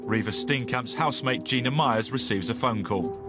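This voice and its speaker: A man's voice: mid-range voice, moderate pace. A man giving scripted, sombre documentary narration. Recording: narration with music behind.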